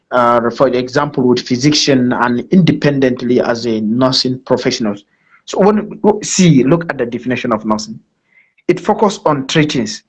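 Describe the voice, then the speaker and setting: A man from Nigeria, speaking with a Nigerian accent and a mid-range voice with a breathy edge, gives a formal guest presentation on a live online talk, repeating points for emphasis. The online call audio sounds dull and lo-fi.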